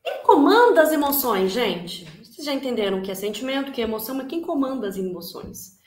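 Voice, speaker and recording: Animated Brazilian woman lecturing class. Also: sits high, quick pace. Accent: Brazilian Portuguese. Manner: animated, asks the class rhetorical questions. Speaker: teacher giving an online class. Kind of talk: lively spoken lecture. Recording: echoey room.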